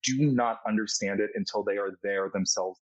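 A man's voice: on the low side, moderate pace, no echo, rough recording. A man hosting a recap podcast, talking in a campy, sassy, upbeat way. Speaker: podcast host. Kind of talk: casual recap chat.

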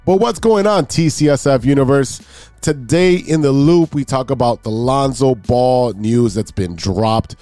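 Stuffed up and nasal from allergies, a man runs a laid-back sports and news podcast, joking around, rambling, and starting sentences over. He speaks unhurriedly in a mellow, mid-range voice, with no room sound on the recording.

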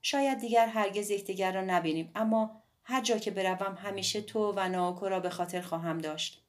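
A woman voicing a quiet, sincere young man in an audiobook, speaking softly and in a subdued way. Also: mid-range voice, lightly acted. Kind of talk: audiobook dialogue.

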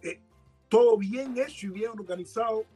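High husky-voiced man, emphatic. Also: normal speed, dark tone, faint music behind. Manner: emphatic, exhorting, repeats words for stress. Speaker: podcast co-host. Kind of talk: casual boxing chat.

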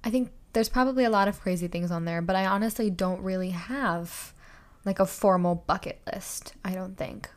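A woman's voice: mid-range voice, moderate pace. A young woman hosting a casual solo podcast, chatty and giggly, stumbling over words as she reads out questions. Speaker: podcast host.

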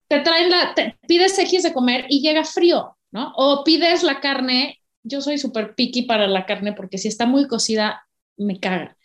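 A woman with a Mexican accent, co-hosting a casual podcast chat, blunt and salty, often mimicking people who apologize. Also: sits high. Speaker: podcast co-host. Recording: roomy echo.

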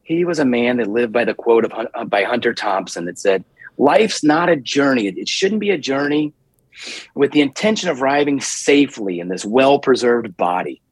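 A man with a husky, slightly rough voice tells stories as an interview guest. He rambles and restarts often, and he grows animated as he goes. The recording is close and dry, with no room sound. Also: mid-range voice, moderate pace, no room sound. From United States. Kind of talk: storytelling in a podcast interview.

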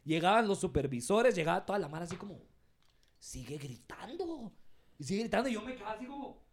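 Young male co-host, high animated voice, casual storyteller. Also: quick pace. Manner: animated, laughing, acts out callers in loud put-on voices. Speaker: podcast co-host.

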